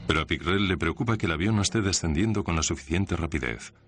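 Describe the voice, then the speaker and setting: A man reading a scripted documentary narration in a measured, serious way. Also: low voice, a bit bright. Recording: music under the voice. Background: background music.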